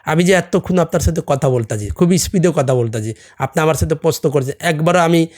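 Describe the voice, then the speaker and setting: Casting: middle-aged man, slightly higher voice, Hindi native speaker with a Bengali accent, earnest, keeps asking "understand?". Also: brisk, a little mellow. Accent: non-native Bengali, from a Hindi-speaking camp community. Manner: earnest, presses with rhetorical questions like "understand?". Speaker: podcast guest, salon owner. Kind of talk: casual chat.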